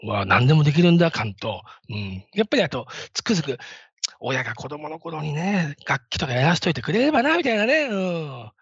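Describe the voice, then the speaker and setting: A man's voice: a little high, sing-song, a little fast, husky, no room sound. A man in his fifties hosting a show, talking casually in a rambling, self-deprecating way. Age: 50s. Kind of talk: casual solo talk. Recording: dull lo-fi, dry sound.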